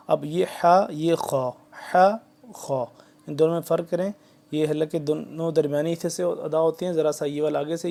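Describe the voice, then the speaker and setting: A man teaching a Quran recitation lesson, drawn-out chanted phrases mixed with quick explanations, patiently repeating letters to drill them. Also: fairly high pitch, creaky, dark tone. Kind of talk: tajweed lesson, slow recitation between fast explanation.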